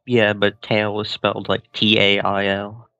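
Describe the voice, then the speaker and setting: A man with a lowish voice gives short, hesitant answers. His audio comes through a dull, lo-fi voice-chat line. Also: completely flat delivery, unhurried, sharp tone. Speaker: guest on a stream.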